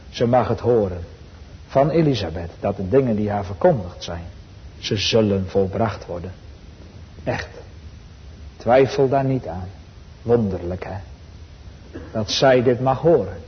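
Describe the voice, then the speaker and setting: A man preaching a sermon to his congregation, earnest and emphatic, slowing for quotations and rising in fervor. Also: lowish voice, a little hiss or hum. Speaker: pastor. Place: church. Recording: dull sound with long church reverb.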